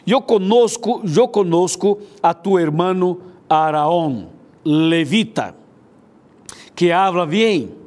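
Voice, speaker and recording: A man's voice: high voice, animated, takes it slowly. Man voicing God, firm and patient. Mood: gentle. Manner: commanding, then gentle and reassuring. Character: patient but firm God speaking to Moses.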